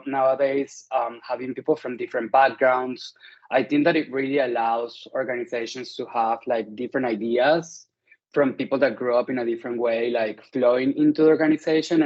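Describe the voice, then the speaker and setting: A man's voice: medium pitch, darkish tone. Chatty Venezuelan-born man, dull audio. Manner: friendly, chatty, many "like" fillers. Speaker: interview guest. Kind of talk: casual interview conversation.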